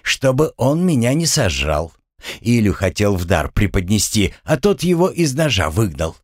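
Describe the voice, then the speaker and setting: A man voicing a calm, unflappable young man who talks with dry irony. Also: lowish voice, normal speed, dry recording. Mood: ironic.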